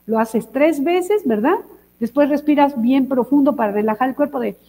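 Woman, co-host, high voice, mellow tone, lively storytelling, long reverb. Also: moderate pace. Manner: lively storyteller, demonstrates techniques. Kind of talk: casual chat.

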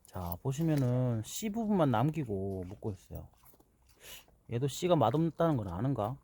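A man's voice: mid-range voice, big pitch swings, normal speed, mellow. A man casually narrating a homemade pet video outdoors while he films, now and then chatting to the animal. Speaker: vlogger filming own dog. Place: outdoors in an apple orchard.

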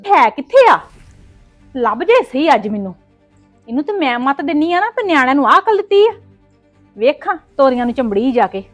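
A woman's voice: sits high, very animated, normal speed, long pauses, dry recording, soft background music. A woman with a Punjabi accent, acting a scolding, sarcastic sister-in-law in a scripted family drama.

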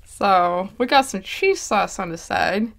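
A woman's voice: mid-range voice, animated, takes it slowly, vocal fry. A woman hosting a casual eating show, chatting with a laugh and stumbling over her words now and then. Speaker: mukbang host. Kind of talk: casual chat while eating.

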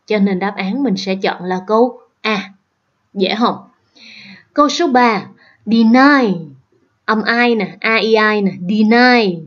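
A woman's voice: medium pitch, muffled recording. A woman teacher with a Southern Vietnamese accent, patiently explaining exam questions step by step and checking in with her students. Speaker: English teacher. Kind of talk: exam prep lesson.

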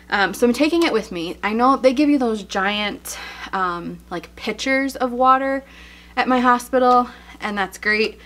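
A woman's voice: medium pitch, fairly bright tone, a little hiss or hum. Chatty, slightly breathless young woman. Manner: chatty, many fillers and laughs. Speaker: vlogger. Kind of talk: casual chat showing items.

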